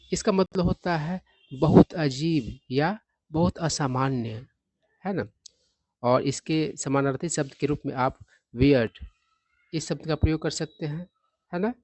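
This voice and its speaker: A man's voice: a little high, darkish tone, dry recording. Patient male English tutor, dry sound. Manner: explains each word patiently, often ending with "है ना?". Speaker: English vocabulary teacher. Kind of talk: newspaper vocabulary lesson.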